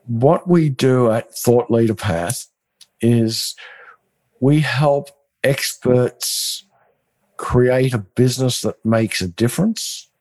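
A man's voice: mid-range voice, takes it slowly, a little mellow. A man co-hosting a casual business chat, explaining enthusiastically with stammering restarts. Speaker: co-host.

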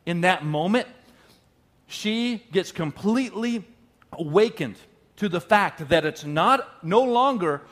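A man preaching a sermon in an animated, conversational storytelling manner. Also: high-pitched, slow pace. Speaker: pastor.

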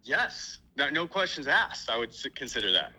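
A man's voice: mid-range voice, sing-song, moderate pace, sharp tone, poor audio. A man heard over a phone on speakerphone, chatting casually and agreeably as a podcast guest while out on a walk. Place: outdoors on a walk.

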